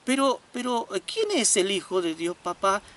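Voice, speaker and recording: A man's voice: sits high, sing-song, moderate pace, a bit bright, recorded from a distance. A man doing an eager little boy. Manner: eager, insistent questioning. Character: curious excited little boy of five.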